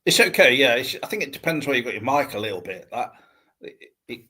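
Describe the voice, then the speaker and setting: A man's voice: mid-range voice, big pitch swings, fast talker, pushed and bright, husky. A middle-aged man co-hosting a casual chat, speaking in a hesitant, rambling and thoughtful way.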